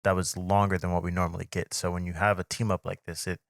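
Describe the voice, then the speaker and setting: A man co-hosts a casual podcast in a fairly low voice. He speaks in a measured, agreeable way and thinks aloud as he goes. The sound is close and dry. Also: level tone, vocal fry, dry recording. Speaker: podcast co-host. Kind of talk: casual chat. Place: home studio. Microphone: desk mic on a live stream.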